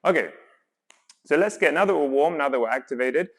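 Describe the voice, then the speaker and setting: A man's voice: a little high, animated, a little fast. Male workout coach, encouraging and instructional. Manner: encouraging, reassuring coaching with counts. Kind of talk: guided exercise instruction. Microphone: worn mic while exercising.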